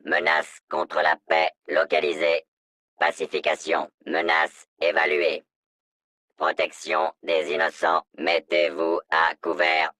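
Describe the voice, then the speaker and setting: An actor voicing a stern male security robot in a video game, through a robotic voice filter, in a flat, monotone, announcement-like delivery. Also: sits low, slow, dry recording, clean studio sound, heavily acted. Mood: cold, commanding. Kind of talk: video game dub dialogue lines.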